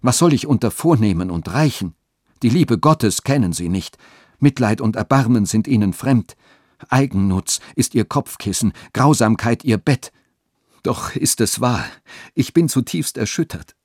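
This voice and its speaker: A man's voice: medium pitch, lively intonation, measured pace, a little mellow, no echo, clean studio sound. A man reading a radio story, voicing a frail, pious old peasant woman who pleads and laments. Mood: agitated.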